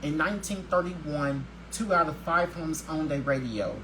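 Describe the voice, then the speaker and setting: A man's voice: on the high side, normal speed, background noise. A man hosting his own daily video show, upbeat and religious, who reads a scripted segment and often stumbles and restarts his words.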